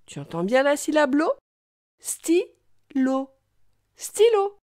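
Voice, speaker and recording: Slow, sing-song woman teaching kids. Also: a little high, wildly swooping pitch, darkish tone, no echo, clean studio sound. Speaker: reading teacher. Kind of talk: children's reading lesson.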